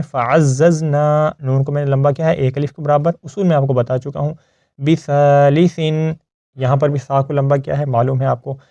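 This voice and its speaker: A man teaching Quran recitation step by step. He explains each rule patiently, checks often that the listener follows, and recites the verses slowly and drawn out. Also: medium pitch, creaky, dark tone, no room sound, highs cut off.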